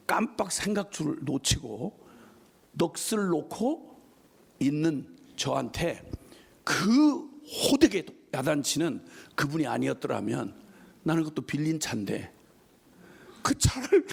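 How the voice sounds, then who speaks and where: A middle-aged man preaching a sermon, telling a personal story in an animated way and acting out the lines of an angry man with laughter. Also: fairly high pitch, measured pace, vocal fry, breathy edge. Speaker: missionary preacher.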